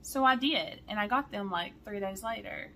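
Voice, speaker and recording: A woman, chatting excitedly to her viewers in a cross-stitch vlog and often saying y'all. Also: mid-range voice, normal speed, slight background noise. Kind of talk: casual chat to viewers.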